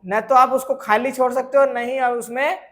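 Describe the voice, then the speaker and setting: A man teaching a software course, explaining with everyday examples and often asking whether students have understood. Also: very high-pitched, steady tone, normal speed. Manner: keeps checking if students follow; asks rhetorical questions and answers them. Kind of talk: screen tutorial lesson.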